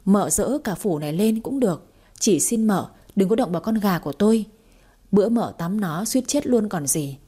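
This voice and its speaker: A woman reading aloud and voicing a hot-tempered young master who scolds his wife in a gruff, exasperated way. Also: mid-range voice, expressive, normal speed, mellow.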